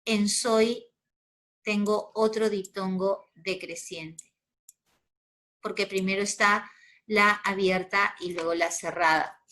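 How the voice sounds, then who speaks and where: Peruvian woman, teacher; slow, patient explainer, mid pitch. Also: steady tone, a bit bright. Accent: Peruvian Spanish. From Peru. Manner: patient, explains step by step with check-in questions. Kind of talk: spoken grammar lesson.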